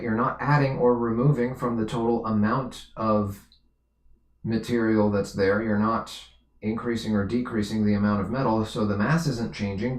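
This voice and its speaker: A man's voice: mid-range voice, darkish tone, reverberant. A man tutoring physics on a live stream, explaining patiently, repeating himself and correcting his own slips as he goes.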